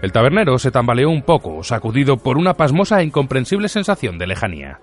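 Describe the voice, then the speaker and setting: A man narrates an audiobook in a lively voice that swings widely in pitch. His register sits in the middle, and his telling is measured and clear. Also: soft background music.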